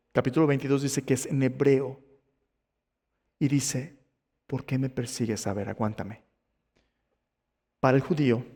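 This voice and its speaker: Male pastor, sermon, dramatic storytelling, rhetorical questions, mellow tone, echoing church hall. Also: medium pitch. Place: church sanctuary.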